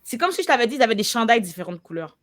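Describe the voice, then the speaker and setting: A woman's voice: on the high side, sing-song, rapid-fire. A young woman with a Québécois French accent hosting a podcast, chatting casually and acting out dialogue with playful asides. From Quebec. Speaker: podcast host. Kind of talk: casual chat.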